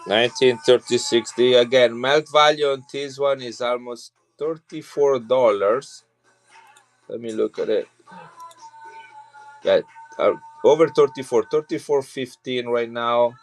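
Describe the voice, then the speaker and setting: Over soft background music, an Italian coin seller chats his way through a live stream sale. His mid-range voice is unhurried, and his talk wanders, with frequent restarts.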